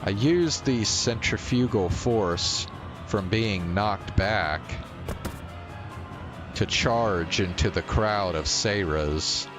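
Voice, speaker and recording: A man with a very deep voice reads a visual novel aloud in the first person, slow, dramatic and deliberate. Music is clearly audible behind him.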